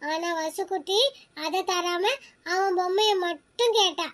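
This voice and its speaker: Cartoon big sister, high squeaky and argumentative. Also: female voice, steady tone, fairly bright tone. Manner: chirpy, indignant, quick to argue. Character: bossy older girl, protective big sister. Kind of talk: cartoon voice acting.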